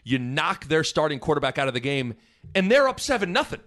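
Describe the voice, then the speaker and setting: Animated man recapping a football game. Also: on the high side, brisk. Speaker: podcast host. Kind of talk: conversational sports recap.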